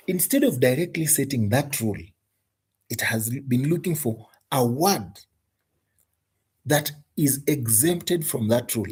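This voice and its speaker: A man's voice: medium pitch, darkish tone, slightly rough. A man with a Kenyan English accent teaching an exam-prep English lesson, emphatic and often repeating words.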